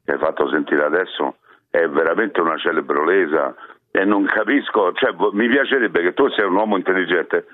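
Caller over a phone line: lowish-voiced man from Rome, pushy, argumentative, foul-mouthed. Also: a little fast. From Rome, Italy. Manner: insistent, argumentative, swears. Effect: heard over a phone line. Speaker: radio caller. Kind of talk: call-in argument.

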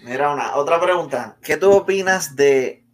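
A man's voice: a little high, normal speed, a little hiss or hum. A man hosting a casual anime discussion, steering the talk with questions in a conversational way. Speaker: host.

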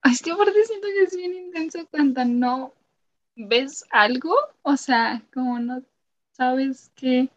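A woman in casual conversation with a high voice. She reacts to the talk with quick, short interjections. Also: lo-fi sound. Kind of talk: casual chat.

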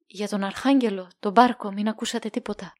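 A woman's voice: medium pitch, steady tone, no room sound, studio quality, natural voice. A woman reading the lines of an anxious middle-aged sea captain in a storybook, in a pleading way. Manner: trembling, pleading, then relieved.

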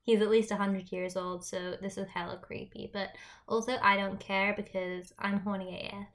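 A woman playing a blunt, defiant lovestruck teenage girl in a parody table read, deadpan and sarcastic. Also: medium pitch, normal speed, lightly acted.

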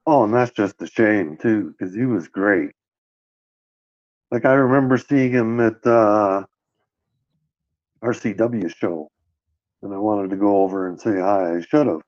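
A man's voice: lowish voice, unhurried, pauses often, darkish tone, no room sound. A man co-hosting a podcast, chatting casually and agreeably, often restarting his sentences. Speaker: podcast co-host. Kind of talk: casual wrestling chat. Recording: dull, dry lo-fi sound.

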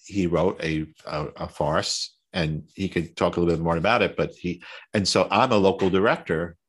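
Deep-voiced Long Island man hosting a podcast. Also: moderate pace, breathy edge. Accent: Long Island New York. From Long Island, New York. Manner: jokey, self-mocking, chatty with fillers and restarts. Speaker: podcast host. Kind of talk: casual podcast interview.

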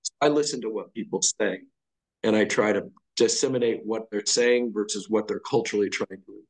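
A man's voice: fairly low pitch, a little fast, low-quality recording. A middle-aged man guest on a podcast, explaining ideas in a blunt, profane, casual way. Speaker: podcast guest, fire lieutenant. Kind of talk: casual conversational chat.

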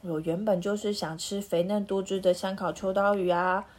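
A woman voicing an excitable male wolf who shouts in a rising, eager way. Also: mid-range voice, normal speed, natural voice. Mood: flustered.

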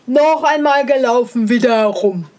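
Woman narrator doing a loud, sneering storybook hare, arrogant and boastful. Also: a little high, lively intonation, measured pace. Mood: eager. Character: haughty mocking male hare, proud of his long legs.

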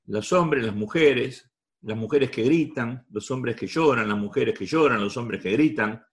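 A man's voice: medium pitch, a little slow. A man with a Rioplatense Spanish accent giving a repetitive, emphatic talk to a live audience. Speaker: motivational speaker.

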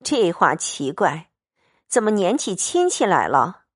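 A good-humored married noblewoman, as a woman reader puts her on, trying to smooth things over. The voice is near the narrator's own, slow and melodic, with a dry close sound. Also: lowish voice, very animated, no room sound, full character voice. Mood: placating.

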